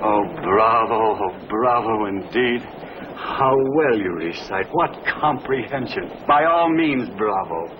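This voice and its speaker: An actor playing a courtly gentleman suitor in an old broadcast drama, speaking with formal gallantry and effusive compliments. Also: on the low side, expressive, takes it slowly. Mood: gallant, admiring. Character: courtly, flattering gentleman suitor who loves poetry. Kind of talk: old-time broadcast comedy-drama acting. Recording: noisy vintage broadcast recording.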